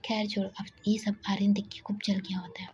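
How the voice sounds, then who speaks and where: A woman casually retelling a romantic story in a soft, half-whispered way, often correcting herself. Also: mid-range voice, flat delivery, fairly quick, husky. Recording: dull lo-fi with faint hiss.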